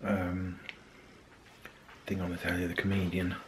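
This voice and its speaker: Low-voiced man rambling on a vlog. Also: completely flat delivery, a little slow, noisy background. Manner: rambling, hesitant with many ums. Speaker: vlogger. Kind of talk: casual daily vlog. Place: outdoors in a park, then in a car, then at home. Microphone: handheld camera at arm's length.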